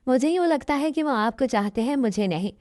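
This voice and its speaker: A woman voicing a helpless young second wife who speaks softly and pleads. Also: sits high, animated, fairly quick, dry recording, studio quality. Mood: pleading. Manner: soft, pleading.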